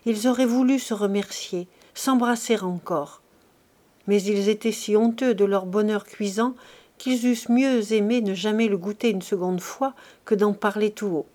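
A woman reading a classic novel aloud as an audiobook narrator, measured and expressive. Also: medium pitch. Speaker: audiobook reader.

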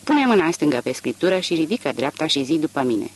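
A man voicing a brisk, officious country bailiff who rattles off court formulas quickly. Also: on the high side, very animated.

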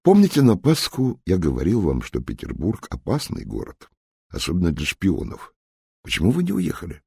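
A man's voice: low voice, huge pitch swings, normal speed, gravelly, a little mellow, husky, no room sound, studio quality, heavily acted. A man voicing a commanding, curt male general in an audiobook. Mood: cold. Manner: authoritative, curt. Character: commanding stern male general, middle-aged.

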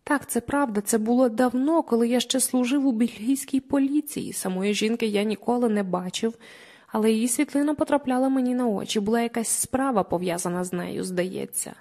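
A woman reading an audiobook in a slightly high voice, voicing a self-assured, gently ironic middle-aged male Belgian detective. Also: fairly quick. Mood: recollecting.

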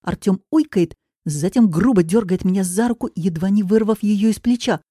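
A woman narrating a first-person audiobook in an expressive, dramatic reading, recorded on a close mic. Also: mid-range voice, moderate pace, husky, no room sound.

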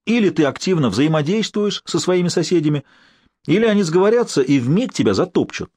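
A male narrator voicing a brisk, cheerfully scolding professor and doctor in an audiobook. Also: on the high side, animated, a little mellow, slightly rough, no room sound, studio quality, pitched above the performer's own voice.

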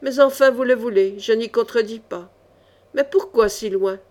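A woman voicing a cool, ironic young male chevalier in a storybook reading, calm and mocking. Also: a little high, moderate pace, close to an everyday voice.

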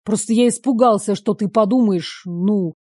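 A woman voicing a blunt, gruff young man, speaking curtly and roughly. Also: medium pitch, moderate pace, mellow, no echo, clean studio sound, natural voice. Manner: curt, rough-spoken.

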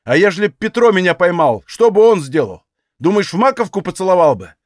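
A man's voice: sits high, big pitch swings, brisk, no room sound, clean studio sound. A man reading as a stubborn, blunt young Cossack who answers in folksy rural speech. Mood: defiant.

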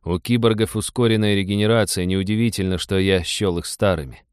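A man's voice: fairly low pitch, fairly even intonation, fairly quick, clear, resonant tone, dry recording, clean studio sound, lightly acted. A man reading as a thoughtful, dryly kind male ship's doctor in an audiobook. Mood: musing. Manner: musing.

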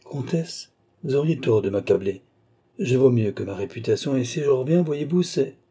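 A man's voice: mid-range voice, lively intonation, moderate pace, mellow, slightly rough, pitched above the performer's own voice. A man voicing a witty, aging duke in an audiobook, mocking and theatrical in his banter. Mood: teasing. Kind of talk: audiobook character voice.

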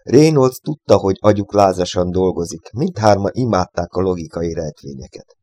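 A man reading a novel aloud as an expressive audiobook narrator. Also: low voice, no room sound. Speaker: audiobook reader.

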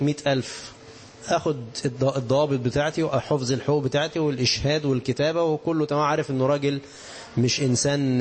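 A man's voice: medium pitch, slight background noise. A man with an Egyptian accent teaching a religious lesson on hadith, explaining with everyday examples and rhetorical questions to his listeners. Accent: Egyptian Arabic.

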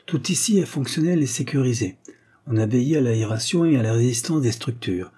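A man voicing a calm, wry young male chemist who explains things dryly. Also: mid-range voice, brisk, slightly rough, pitched above the performer's own voice. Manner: dry, ironic explanations.

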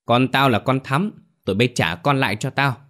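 A man voicing a furious middle-aged mother who hurls rapid, scornful insults in a ghost story audiobook. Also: medium pitch, fairly bright tone, voice pushed up, lightly acted.

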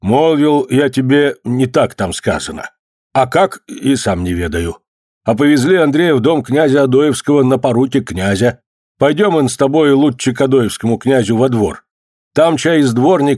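A man's voice: medium pitch, darkish tone, no room sound, studio quality, voice pushed up, close to an everyday voice. A man voicing a hesitant older male peasant who stumbles and hedges as he talks.

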